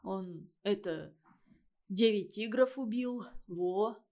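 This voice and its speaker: A woman's voice: mid-range voice, takes it slowly, mellow. A woman reading a story and voicing a simple village schoolboy who drawls and hesitates.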